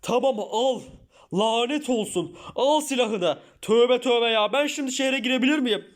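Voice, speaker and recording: Speaking at a measured pace in a very high voice, a man voices an exasperated young newcomer in a Minecraft parody. The fed-up character grumbles and sighs "tövbe tövbe" at everyone who gets in his way.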